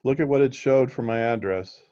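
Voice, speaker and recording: A man's voice: mid-range voice, fairly quick, dark tone. A man teaching a live technical class in a casual way, often checking that his students are following. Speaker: instructor. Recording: dull lo-fi recording.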